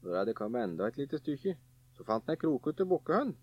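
Guy telling an old folk tale, lively voice, husky, dull dry recording. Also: mid-range voice, no echo. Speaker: storyteller.

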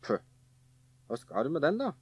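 A man playing scornful know-it-all brothers, dismissive, husky tone, dry dull recording. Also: a little high, huge pitch swings, a little mellow, dry recording, heavily acted. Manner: dismissive, scoffing. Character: two scornful older brothers, know-it-alls.

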